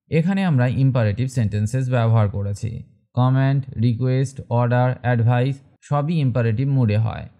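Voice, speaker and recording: A man teaching English, reading short phrases slowly and repeating each one twice. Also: medium pitch, warm tone. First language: Bengali. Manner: slow, deliberate drilling of short phrases.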